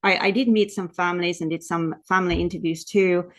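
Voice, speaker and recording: A Finnish researcher from Lapland presents at a webinar in lecturer style over a video call, repeating words often as she explains in her Finnish accent. She speaks fairly quickly, in a fairly low voice with fairly even intonation.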